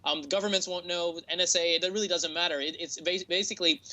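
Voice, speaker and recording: A man's voice: high voice, steady tone, quick pace, bright, forceful tone, low-quality recording. A man with a standard American accent explaining things as an interview guest, often hesitating and repeating words as he thinks. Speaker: interview guest, tech entrepreneur.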